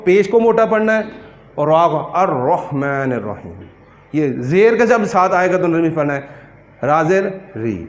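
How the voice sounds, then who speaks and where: A man teaching a Quran pronunciation class, who questions his students and repeats words slowly to correct them. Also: sits high. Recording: echoey room.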